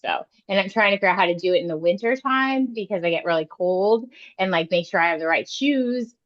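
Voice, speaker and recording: A woman's voice: medium pitch, fairly quick, muffled recording. A woman in a coaching program describing her progress, hesitant and earnest. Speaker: program participant. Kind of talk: group coaching call.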